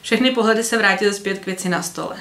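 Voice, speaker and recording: Brief: book vlogger reading a novel aloud, mid pitch, roomy echo. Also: female voice. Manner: steady narration with occasional slips.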